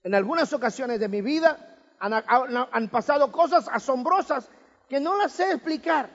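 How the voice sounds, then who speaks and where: High-voiced animated male preacher. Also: normal speed. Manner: emphatic preaching with rhetorical questions and humor. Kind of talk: sermon. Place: church hall. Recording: reverberant hall, dull lo-fi sound.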